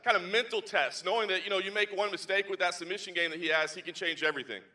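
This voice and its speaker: A man's voice: sits high, quick pace, bright, forceful tone. A man working as a reporter, putting questions at a press conference. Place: large press conference venue. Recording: noisy hall microphone.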